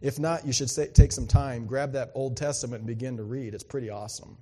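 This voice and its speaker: A male pastor preaching a conversational sermon, swinging from emphatic bursts to hushed asides. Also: medium pitch, fairly even intonation, brisk, in a large hall.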